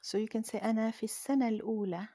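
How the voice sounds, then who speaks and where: Gravelly-voiced woman teaching a live lesson. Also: fairly high pitch, steady tone, fast, mellow. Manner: patient, prompting and correcting a learner. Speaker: Arabic teacher hosting a live audio room. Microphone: phone in an audio chat app.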